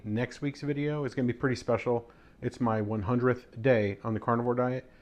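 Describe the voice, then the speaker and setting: A man's voice: medium pitch, a little mellow, highs cut off. A man hosting a casual cooking vlog, walking viewers through a recipe step by step with friendly enthusiasm. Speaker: cooking vlogger.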